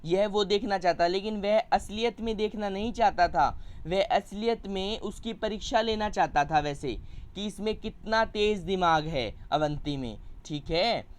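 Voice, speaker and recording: A man's voice: sits high, unhurried. A man teaching a primary school Hindi class over a video call, patiently explaining words and coaxing children to read aloud. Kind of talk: online class lesson.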